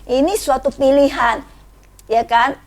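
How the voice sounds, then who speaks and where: A middle-aged woman sharing a personal testimony in casual chat, an animated storyteller who laughs often and acts out the voices of the people she quotes. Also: high-pitched, a little slow.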